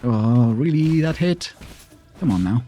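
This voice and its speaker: A man's voice: mid-range voice, expressive, measured pace, mellow, faint music behind. A man casually commenting on his own gameplay, talking to himself and grumbling at the boss he is fighting. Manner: chatty, mutters to himself, argues with the boss. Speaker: gameplay streamer. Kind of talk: casual let's play commentary.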